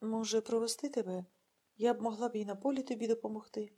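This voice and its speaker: A woman voicing a caring young village woman, kindly and brisk with concern for her friend. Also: on the high side, steady tone, dark tone, slightly rough.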